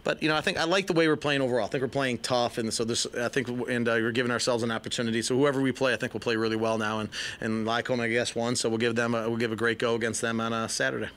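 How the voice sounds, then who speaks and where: Middle-aged man, head coach, very fast talker, rambling answers, lots of fillers, outdoor night field, handheld mic. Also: mid-range voice, fairly even intonation, fairly bright tone. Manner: rapid, run-on answers with many fillers. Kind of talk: postgame interview. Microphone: handheld mic held by interviewer.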